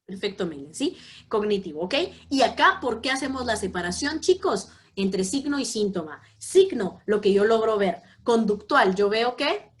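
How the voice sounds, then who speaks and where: A woman's voice: medium pitch, expressive, moderate pace. Female lecturer running a class, explanatory, stops often to check understanding. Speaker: psychology lecturer.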